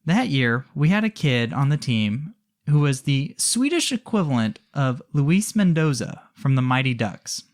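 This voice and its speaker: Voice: medium pitch, very animated, unhurried. A podcast co-host telling a story casually, with wry asides to the listener.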